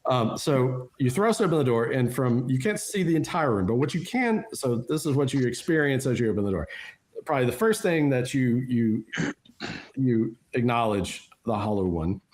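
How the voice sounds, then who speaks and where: A man's voice: medium pitch, big pitch swings, moderate pace, a little mellow. A man running a tabletop role-playing game as game master, explaining rules and describing scenes patiently with many fillers and restarts.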